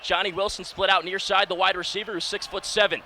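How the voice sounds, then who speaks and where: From a broadcast position in a domed stadium, a young man in his early twenties talks fast in a high, gravelly voice, calling live football for radio in clipped, energetic bursts. Steady stadium ambience hums underneath.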